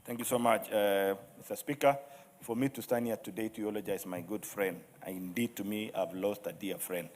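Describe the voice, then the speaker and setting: A Kenyan man speaks in a fairly low voice, delivering a parliamentary eulogy. Long reverb from a big chamber surrounds his words. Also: fairly even intonation, moderate pace. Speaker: member of parliament. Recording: reverberant hall.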